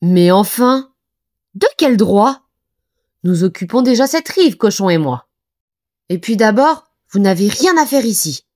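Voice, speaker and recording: A woman's voice: a little high, big pitch swings, measured pace, hardly any pauses, pitched above the performer's own voice. A woman voicing a smug male pig in a storybook, sniping in agreement with his friend.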